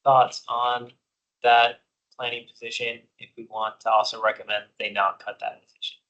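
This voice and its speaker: A man's voice: medium pitch, flat delivery, normal speed, a bit bright, muffled recording. A man chairing a commission meeting, briefly moderating and asking members for their thoughts. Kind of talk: public meeting discussion.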